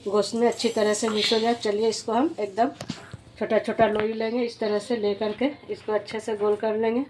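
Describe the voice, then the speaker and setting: A woman's voice: fairly high pitch, little pitch movement, normal speed, darkish tone, a little hiss or hum. A woman, hosting a home cooking demonstration in a homely, repetitive way, often restarting her words. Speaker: cooking channel host.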